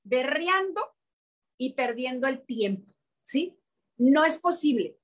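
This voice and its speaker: A middle-aged Mexican woman in an interview, telling a personal story with lively, repeated restarts. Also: sits high, takes it slowly. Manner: animated storytelling, many repetitions and restarts. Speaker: interviewee, network marketing leader.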